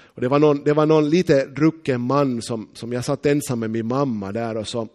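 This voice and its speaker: A man from eastern Uusimaa in Finland, with a Finland-Swedish accent, preaching a sermon. He tells stories emphatically and slows down on key phrases. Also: mid-range voice, fairly even intonation, a little mellow.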